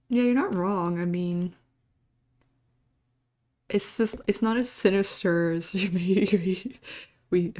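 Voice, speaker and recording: A woman's voice: fairly low pitch, a little mellow. A young adult woman streamer casually chatting with her viewers, laid-back and often breaking into giggles. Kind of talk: casual live-stream chat.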